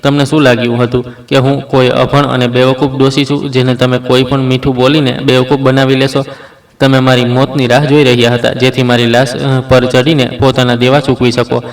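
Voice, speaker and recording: A fierce, betrayed old mother who refuses to back down, as a man reads her lines. The voice stays flat and level. It sounds roomy, as if picked up from some distance away. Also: medium pitch, fairly quick, lightly acted. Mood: furious defiance. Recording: roomy echo, mic at a distance.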